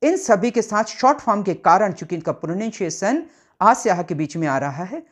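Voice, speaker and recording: A woman teaching a grammar lesson, slowly sounding out letters and example words as she explains. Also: medium pitch, animated.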